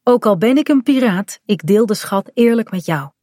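A woman's voice: mid-range voice, lively intonation, moderate pace, mellow, dry recording, clean studio sound, natural voice. A woman voicing a cheeky, playful little pirate boy in a children's storybook.

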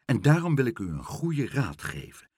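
A man voicing a kind, solemn gentleman in a storybook reading. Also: mid-range voice, big pitch swings, husky, dry recording, studio quality. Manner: solemn, measured.

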